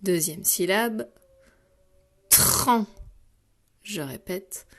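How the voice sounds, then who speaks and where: A woman teacher giving a dictation lesson to young children, speaking clearly and patiently and addressing the child directly. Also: fairly low pitch, expressive, a little slow. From France. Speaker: primary school teacher.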